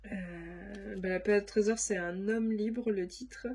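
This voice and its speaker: A woman's voice: medium pitch, steady tone, a little slow, dark tone, husky. A woman vlogger chatting casually to camera, her voice nasal from a stuffy nose, rambling with many fillers. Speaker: crafts vlogger.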